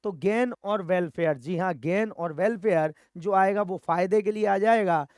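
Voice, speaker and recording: A man with an Indian accent runs a vocabulary lesson for exam students. He drills each word, repeats himself and answers his own questions. His voice sits high and sounds smooth and clear, recorded close in a dry room. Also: unhurried, a little mellow, no room sound. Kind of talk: Hindi-English vocabulary lesson.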